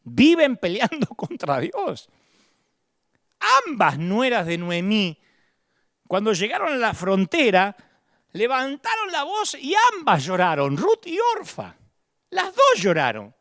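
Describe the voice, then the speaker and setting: A man's voice: sits high, huge pitch swings, takes it slowly, a bit bright, dry recording, clean studio sound. A middle-aged man with an Argentine accent preaching a sermon, dramatic and acting out the voices of the people he quotes. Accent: Rioplatense Spanish. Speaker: pastor.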